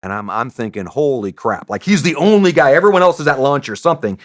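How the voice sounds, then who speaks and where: A middle-aged man, a former special operations soldier, telling a story as a podcast guest in a lively, animated way, with many restarts and acted-out voices. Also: fairly high pitch, fast talker, no room sound, clean studio sound.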